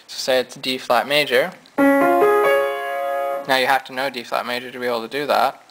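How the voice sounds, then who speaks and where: A man's voice: mid-range voice, fairly even intonation, normal speed, poor audio. A man giving a casual, chatty piano lesson, explaining his points at the keyboard. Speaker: music teacher. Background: piano notes.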